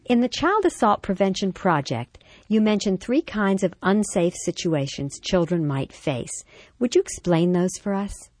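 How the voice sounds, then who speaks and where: A woman hosting a parenting talk show, reading a short story and then asking her guest questions in a measured, reflective way. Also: mid-range voice, expressive, a little mellow, no echo. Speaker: radio talk show host. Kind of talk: scripted story reading and interview.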